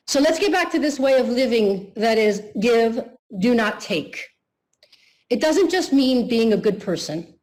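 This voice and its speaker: A middle-aged woman gives a motivational keynote with an earnest, deliberate delivery. She slows down to stress her points, and her voice sits at a middle pitch. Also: a little mellow, rough recording. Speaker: keynote speaker. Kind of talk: motivational speech.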